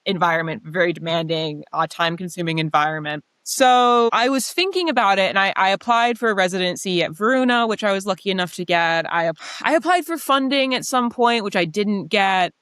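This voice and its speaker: A woman's voice: mid-range voice, animated, brisk, hardly any pauses, a bit bright, clear, resonant tone, dry recording. A woman telling her story as an interview guest in a casual, chatty, self-deprecating way, saying "like" often.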